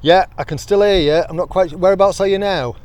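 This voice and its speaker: A British man with a high, slightly mellow voice talks fairly quickly and casually to the camera while testing gear from a kayak on a canal. He's a vlogger presenting a product test, joking around chummily with friends. The outdoor recording is clear, with the sounds of water and the boat.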